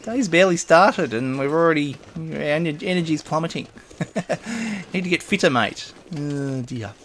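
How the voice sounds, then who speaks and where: A gaming video host with a slightly high, fairly bright and expressive voice gives casual, rambling commentary at a moderate pace while playing a survival game, muttering item names and laughing to himself. There's a little hiss or hum.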